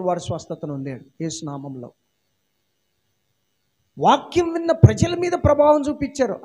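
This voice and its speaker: Male Andhra Telugu pastor, high-pitched, emphatic sermon delivery. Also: dark tone. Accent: Telugu-speaking Andhra region. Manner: emphatic preaching with repeated phrases and rhetorical questions. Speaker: senior pastor.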